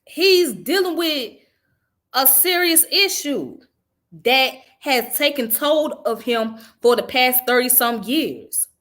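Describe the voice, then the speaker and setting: This Southern-raised woman runs her own channel, where she delivers frank, profanity-laced, chatty commentary as a casual vlog. She speaks slowly in a high-pitched, fairly bright voice with lively intonation.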